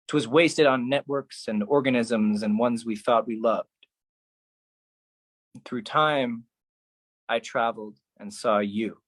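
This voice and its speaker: In a mid-range voice, a solo performer gives a deliberate, theatrical poetic monologue, leaning on repetition and dramatic pauses.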